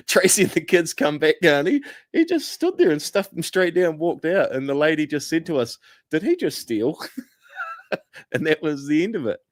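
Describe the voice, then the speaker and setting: A man's voice: on the high side, wildly swooping pitch, moderate pace, pauses often, dry recording, studio quality. A man co-hosting a podcast in casual chat, laid-back, laughing often and swearing casually. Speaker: podcast co-host.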